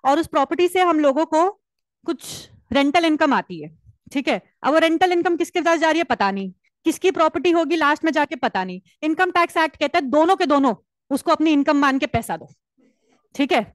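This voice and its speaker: A woman lectures a class in a high, bright voice, teasing and joking as she explains. The sound is dry and close, with no room echo. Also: brisk. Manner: lively, teasing, mixes Hindi and English. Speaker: teacher.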